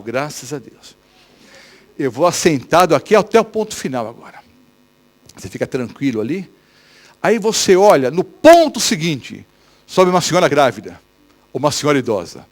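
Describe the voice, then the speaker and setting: A Brazilian man preaches in church with a fairly high, very lively voice. He is animated and keeps throwing questions at the congregation. His Brazilian Portuguese accent is clear throughout. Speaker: pastor. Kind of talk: sermon.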